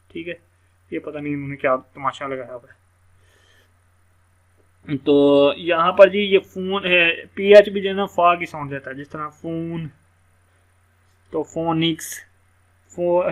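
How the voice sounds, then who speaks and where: A man's voice: fairly high pitch, fairly bright tone. Man teaching phonics casually. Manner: casual, explanatory, repeats words slowly letter by letter. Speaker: English teacher. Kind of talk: screen-share phonics lesson.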